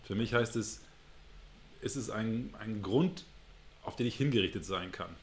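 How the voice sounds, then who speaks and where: A northern German man from Hamburg, appearing as an interview guest, has a lowish voice and a measured pace. He reflects earnestly on each question and hunts for words while he answers.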